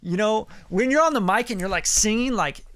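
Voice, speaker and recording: A man in his late thirties giving a casual live song critique as a music producer, animated and profane, full of "like" and "you know.". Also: high-pitched, fairly quick. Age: late 30s. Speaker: music producer reviewing listener songs.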